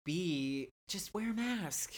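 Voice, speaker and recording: A man's voice: sits high, expressive, takes it slowly. A man co-hosting a podcast in casual chat, speaking earnestly and trailing off into restarts. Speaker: podcast co-host.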